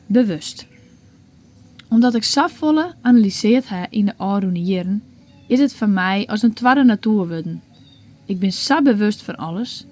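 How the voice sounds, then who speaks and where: A woman with a Frisian accent reading her own blog aloud in a reflective, measured way. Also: medium pitch, darkish tone. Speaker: blogger.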